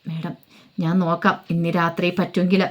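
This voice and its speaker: A man's voice: fairly high pitch, flat delivery, moderate pace, pitched below the performer's own voice, close to an everyday voice. A woman voicing an obedient, cautious hired henchman answering his boss. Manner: deferential, cautious.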